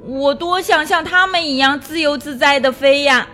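A woman voicing an eager, impatient little male frog in a children's storybook, exclaiming with bouncy excitement. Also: high voice, moderate pace, faint music behind, voice pushed up.

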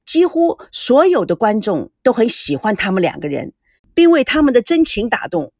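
A woman reading a smooth, composed TV producer man. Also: a little high, no room sound, clean studio sound. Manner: calm, polished, measured.

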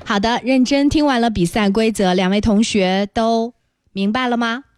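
A woman hosting a children's radio quiz, explaining things clearly and encouragingly. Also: a little high, normal speed, faint music behind. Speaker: quiz show host. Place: radio studio.

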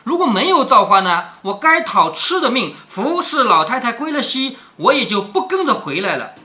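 Guy reading a stubborn desperate teen maid girl, bright voice, swoops around a lot. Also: very high-pitched, very animated, normal speed, exaggerated voice. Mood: defiant. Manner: read aloud in a storyteller's voice, barely changed. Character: defiant teenage maidservant girl, desperate and resolute.

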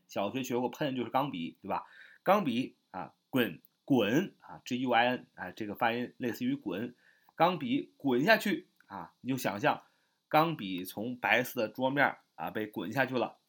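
A man teaching English vocabulary in Chinese who spells each word letter by letter, repeats it slowly and ends many phrases with a drawn-out "ah". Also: mid-range voice, animated, fairly bright tone. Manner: adds the filler "啊" to the ends of phrases. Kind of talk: spoken vocabulary lesson.

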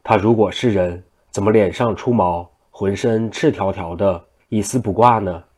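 A frank, quick-witted young woman who argues with proverbs, voiced by a man reading a storybook aloud. The voice stays low and close to the storyteller's own. She sounds plainly reasoned rather than sweet. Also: darkish tone, close to an everyday voice. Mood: alarmed.

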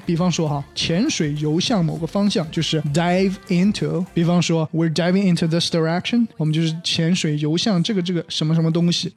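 A young man hosting a casual bilingual English lesson, chatty, slowing down and repeating phrases to explain them. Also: on the high side, darkish tone. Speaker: English teacher and podcast host.

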